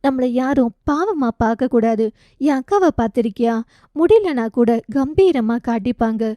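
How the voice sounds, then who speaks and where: A fond, teasing middle-aged aunt scolds her weeping niece, as a woman narrator puts her on. The voice is mellow and a touch high, with a playful, chiding manner. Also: lively intonation, normal speed, dry recording, clean studio sound.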